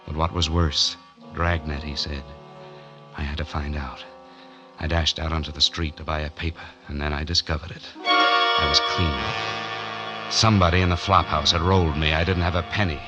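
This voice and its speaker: Very deep and nearly monotone, this man's voice keeps a moderate pace as he acts the part of a hunted, penniless narrator. The terse, slangy noir telling sounds tense and tired, heard through muffled 1940s radio audio with music behind.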